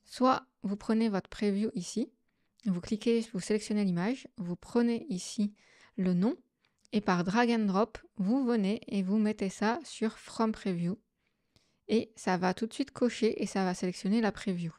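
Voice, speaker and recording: A woman hosting a software tutorial, explaining each step casually with frequent fillers. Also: mid-range voice, unhurried, no room sound, clean studio sound. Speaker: astrophotography tutorial host. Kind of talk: screen-recorded software tutorial.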